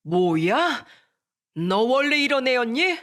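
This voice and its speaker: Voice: medium pitch, animated, unhurried, a bit bright, pitched above the performer's own voice. A narrator doing an indignant middle-aged dad. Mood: offended. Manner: indignant, raised voice. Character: angry middle-aged father, a plumber.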